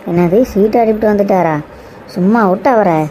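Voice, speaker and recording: A woman playing a scolding village neighbour, cartoon, rapid, faint background noise. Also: mid-range voice, mellow, lightly acted. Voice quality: scolding, brisk and commanding. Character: blunt, bossy village neighbour woman Valli. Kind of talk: cartoon drama voice acting.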